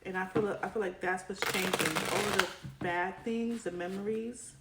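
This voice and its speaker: A tarot reader gives a casual reading straight to her viewers, chatting away and often tossing in "right?" as her voice tires from a coming cold. She speaks at a moderate pace in a mid-range voice with fairly even intonation. The echoey room carries clicks and the sound of shuffling cards.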